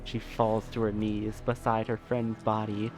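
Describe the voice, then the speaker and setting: A man's voice: fairly low pitch, monotone, a little slow, faint music behind. A man streaming a story game, reading narration aloud and reacting with swearing and laughter. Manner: laughing, swearing, exaggerated outbursts.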